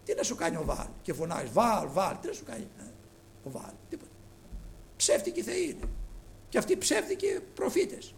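A man preaching a sermon, telling scripture stories with passion, swinging from loud declamation to hushed reverence. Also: extremely high pitch, huge pitch swings, creaky, slight background noise. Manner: impassioned, dramatic storytelling with swings from loud to hushed.

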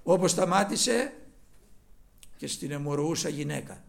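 Male preacher, high and very animated voice, rough edge, loud-to-hushed swings. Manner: swings between loud exclaiming and low quiet asides. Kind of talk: sermon.

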